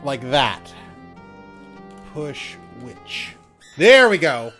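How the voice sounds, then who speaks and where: A man's voice: a little high, sing-song, very slow, fairly bright tone, faint music behind. A man hosting a casual game playthrough, reading the game text aloud, with loose fillers and the odd mild swear. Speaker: let's play host. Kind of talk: casual gameplay commentary.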